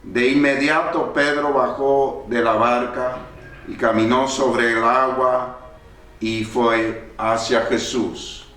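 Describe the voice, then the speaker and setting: A man preaching a sermon as pastor, rising suddenly in pitch and volume at key points. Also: fairly even intonation, slow, a bit bright, soft background music. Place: church. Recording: echoey church hall from far off.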